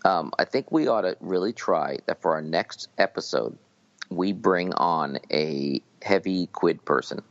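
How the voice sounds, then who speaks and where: A tired man co-hosting a podcast, rambling and halting through a casual late-night chat. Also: low-pitched, lively intonation, creaky, dry recording. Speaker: podcast co-host. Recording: dull dry audio.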